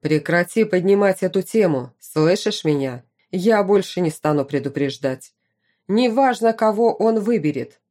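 A woman's voice: on the low side, lively intonation, unhurried, mellow. A woman voicing a stern, commanding middle-aged duke and father in an audiobook. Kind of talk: audiobook character reading.

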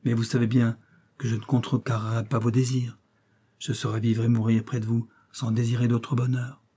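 A man's voice: medium pitch, little pitch movement, normal speed, dark tone, husky, close to an everyday voice. A man reading the part of a proud, idealistic young Russian princess, speaking in impassioned, defiant speeches.

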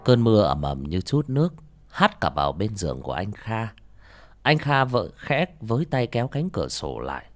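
A man narrating a horror audiobook in a dramatic, expressive way. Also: fairly low pitch, normal speed.

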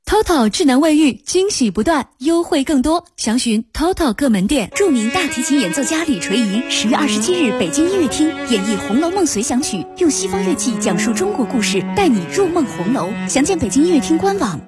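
Radio ad casting: eager cheerful woman, high voice, loud music bed. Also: very animated, a little fast, few pauses. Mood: upbeat, promotional. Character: cheerful, eager advert woman promoting deals. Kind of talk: radio advert delivery.

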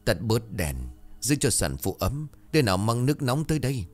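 A man's voice: mid-range voice, animated, a little fast, faint music behind, voice pushed up, natural voice. A man voicing a hard, scheming old midwife who gives curt orders and feigns sorrow. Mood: commanding.

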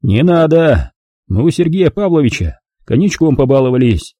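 A man's voice: on the high side, very animated, normal speed, warm tone, dry recording, studio quality, voice pushed up. A man voicing a jovial, stout army captain who greets people in a hearty, patronizing way.

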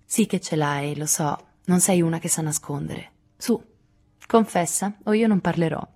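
A woman's voice: low-pitched, normal speed, a little mellow. A woman reading aloud, voicing a cheerful, teasing teenage boy in a playful, coaxing way.

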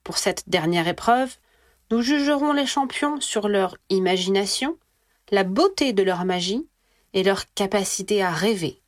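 A woman's voice: medium pitch, animated, unhurried, no echo, clean studio sound, close to an everyday voice. A woman reading aloud voices a grand headmistress who makes a formal announcement in a chanting, stately way. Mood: solemn.

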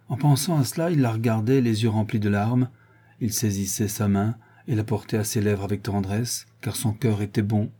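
A man reading a novel aloud as narrator in a calm, measured way. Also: on the low side, husky. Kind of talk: audiobook reading.

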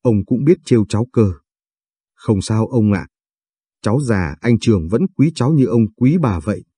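A man's voice: fairly low pitch, lively intonation, moderate pace, warm tone, breathy edge, no room sound, studio quality. A man voicing a young granddaughter in a storybook reading, pleading and affectionate. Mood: fond. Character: young woman granddaughter, tearful and loving.

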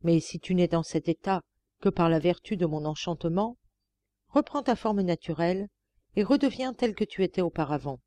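Storybook sorceress queen, impassioned and theatrical, read by a woman, mellow, dry. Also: on the low side, animated, normal speed, no room sound, close to an everyday voice. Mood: commanding. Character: passionate, cruel sorceress queen pleading with her lover. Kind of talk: audiobook reading of a classic tale.

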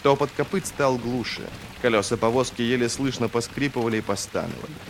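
A man narrating a fantasy novel as an audiobook in a steady, expressive reading. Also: medium pitch, fairly quick, slight background noise.

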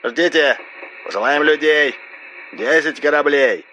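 A man's voice: medium pitch, brisk, pushed and bright, dull audio, slight background noise, pitched above the performer's own voice, natural voice. A man reading an audiobook, voicing a ruthless male corporation boss who barks orders. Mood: domineering. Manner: barking, domineering.

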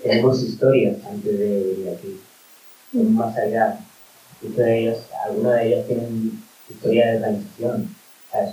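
A Colombian migrant activist speaks on a panel at a public talk, arguing with passion and leaning on fillers like "o sea" and "en plan." His mid-range voice is mellow, picked up from afar by a distant mic in a roomy hall with faint hiss.

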